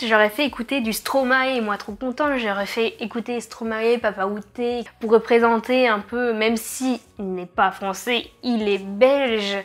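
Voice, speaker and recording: Young French woman, vlogger, slightly high voice, hesitant and chatty, faint music underneath. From France. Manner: chatty, frequent hesitations, wry asides. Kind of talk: casual chatty storytelling to camera.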